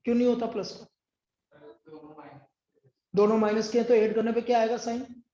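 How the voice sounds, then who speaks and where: A male math tutor with a very high-pitched voice, stern and biting as he scolds a student. He is recorded in an echoey classroom on dull, muffled audio. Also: level tone, normal speed, dark tone. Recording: echoey room, dull sound.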